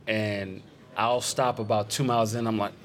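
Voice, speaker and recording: A man's voice: on the low side, level tone, moderate pace. A man in his thirties, a photographer guesting on a podcast, talking in a laid-back, rambling way with many fillers. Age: 30s. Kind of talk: casual podcast conversation. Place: event space.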